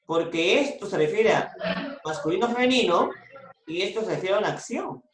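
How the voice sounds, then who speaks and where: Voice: medium pitch, animated, normal speed, reverberant. A teacher giving an online class, patiently repeating points and prompting the students to answer.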